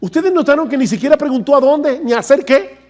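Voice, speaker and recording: High-voiced man preaching a sermon. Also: animated, fast, darkish tone. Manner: emphatic preaching, repeats "no, no" and addresses the congregation directly. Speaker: pastor.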